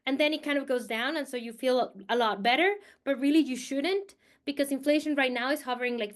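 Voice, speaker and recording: Presenting to teachers by video call, a guest speaker—a Colombian political scientist with a high voice—lectures conversationally. Fillers crop up often, and she repeats things for emphasis.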